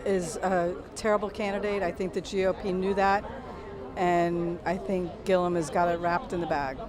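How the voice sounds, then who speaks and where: A woman's voice: lowish voice, flat delivery, moderate pace. A woman from Miami, a voter at an election event, answering a street interview in a confident, matter-of-fact way. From Miami, Florida. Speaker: voter at a rally. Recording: noisy crowd outdoors. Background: crowd.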